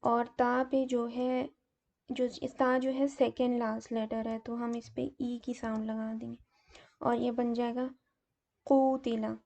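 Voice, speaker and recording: A woman teaching a grammar lesson, explaining examples step by step in a slow, methodical way with frequent fillers. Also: fairly high pitch, level tone, gravelly, darkish tone.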